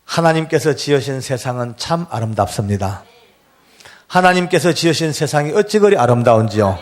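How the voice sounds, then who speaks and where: A calm, loving young man facing execution, speaking softly and tenderly, as a preacher quotes him in his testimony. His voice is a little lower and quieter than the storyteller's usual voice. He sounds reassuring rather than afraid. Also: normal speed, lightly acted. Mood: solemn.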